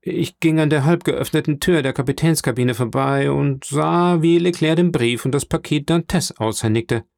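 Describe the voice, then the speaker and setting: A man's voice: on the high side, moderate pace, gravelly, hardly any pauses, darkish tone, dry recording, clean studio sound, voice pushed up. A man reading the part of a scheming, envious ship's clerk in an audiobook, sly and insinuating.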